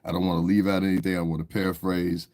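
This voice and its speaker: Low and level in tone, a little mellow, this congested man talks quickly. His livestream commentary is casual and rambling, addressed straight to viewers, with "you understand" popping up often.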